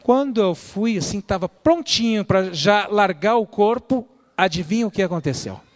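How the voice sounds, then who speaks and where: A middle-aged man preaching in a church, telling lively stories, quoting people and quizzing his listeners. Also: sits high, normal speed. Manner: lively storyteller, quotes people and quizzes the audience. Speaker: church speaker. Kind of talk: storytelling sermon. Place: church hall.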